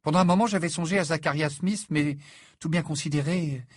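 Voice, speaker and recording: A man voicing a clever, proud teenage girl who talks quickly, clipped and indignant. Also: a little high, no room sound, clean studio sound, voice pushed up, lightly acted. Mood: brisk.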